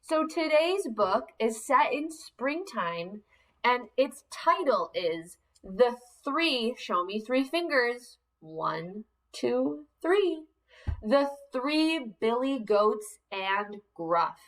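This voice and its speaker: A woman's voice: fairly high pitch, very animated, slow pace, a bit bright, rough recording. A woman teacher reading a picture book aloud to young children, coaxing them with questions.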